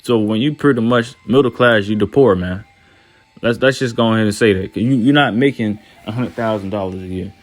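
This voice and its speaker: A self-styled preacher reads scripture aloud and preaches informally in a lowish voice at a fairly quick pace. He scolds in a slangy way, repeating himself, stammering through restarts, and tacking "man" onto the ends of his lines.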